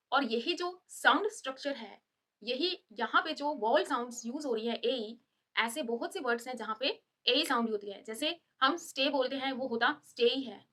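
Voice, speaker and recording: A woman teaching letter pronunciation, slowly stretching out example sounds as she explains. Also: high-pitched, pushed and bright. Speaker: English teacher. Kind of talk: Hindi-English lesson explanation.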